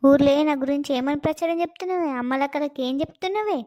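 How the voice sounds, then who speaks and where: Feisty Telangana village woman, quick high voice, comic skit, woman performer. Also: dark tone, lo-fi sound, natural voice. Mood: combative. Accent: Telangana Telugu. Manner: brash, quick, taunting. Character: feisty young village woman picking fights.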